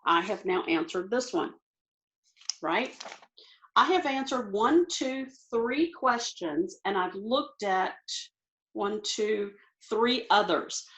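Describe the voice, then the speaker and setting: A woman teacher talking quickly and thinking aloud as she walks through test questions on a video call. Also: medium pitch, animated, a bit bright, muffled recording. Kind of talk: recorded online lesson.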